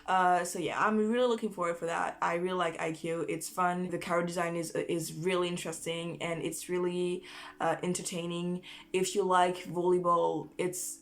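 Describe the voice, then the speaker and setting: A woman chatting casually as an anime vlogger through a face mask, informal and halting, often correcting herself as she goes. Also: fairly low pitch, flat delivery, vocal fry. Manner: informal, halting, self-correcting with false starts. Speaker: anime review vlogger and host. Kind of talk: casual chat to camera, listing recommendations.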